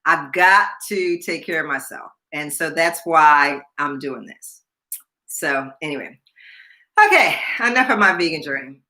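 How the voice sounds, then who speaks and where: A pushed, bright, medium-pitched voice belongs to a sixty-something woman running a relaxed live stream. She chats away, says things more than once, and reads out what viewers comment.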